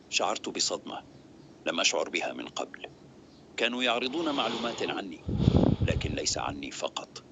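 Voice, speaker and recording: A man reading a dramatic first-person story as scripted narration, steady and grave. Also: lowish voice, a little hiss or hum.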